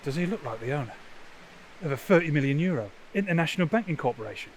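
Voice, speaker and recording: A contemptuous, foul-mouthed loan shark who barks demands and insults. His voice sits a little high, with a faint hiss behind it. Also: animated, fast talker. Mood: menacing.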